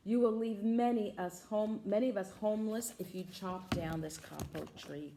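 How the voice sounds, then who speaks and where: A woman voicing a small earnest tree frog in a squeaky voice. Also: normal speed, vocal fry, roomy sound, background noise, lightly acted.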